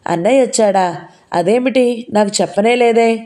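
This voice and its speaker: A woman reading an audio novel, voicing a timid young sister-in-law who speaks softly. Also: fairly high pitch, moderate pace, lightly acted. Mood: surprised. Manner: soft, hurt.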